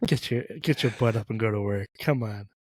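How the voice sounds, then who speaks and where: A man's voice: on the low side, brisk, no room sound. A man from Thailand co-hosting a casual faith podcast, talking in an emphatic, joking way. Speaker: podcast co-host.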